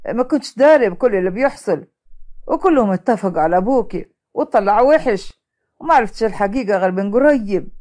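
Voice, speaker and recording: A woman voicing a grieving elderly grandfather who pleads in slow, lowered tones, with an Egyptian accent. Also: animated, a little mellow, lightly acted. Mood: sorrowful.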